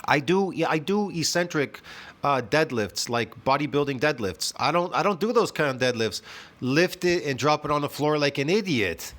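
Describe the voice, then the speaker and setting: This is a man in his fifties sounding off from home in a high-pitched voice. He is scornful and foul-mouthed, and he peppers every rant with "man" and "bro.". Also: expressive, moderate pace, a bit bright. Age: 50s. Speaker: fitness video host. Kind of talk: ranting reaction commentary.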